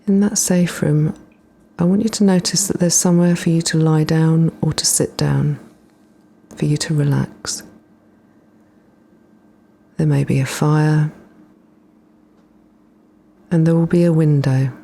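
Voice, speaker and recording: A relaxation practitioner, female and deep-voiced, walks listeners through a meditation with fairly even intonation. Her delivery is breathy and hushed, nearly whispered at times, soothing and unhurried with gentle pauses.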